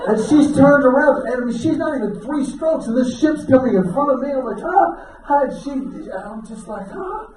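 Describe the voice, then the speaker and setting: Middle-aged male comic, high voice, lively storyteller; distant room mic, audible crowd noise. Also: moderate pace, few pauses. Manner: animated, acts out quotes with shouts. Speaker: stand-up comedian. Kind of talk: stand-up storytelling. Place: event hall with live audience. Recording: echoey hall from far off, crowd noise.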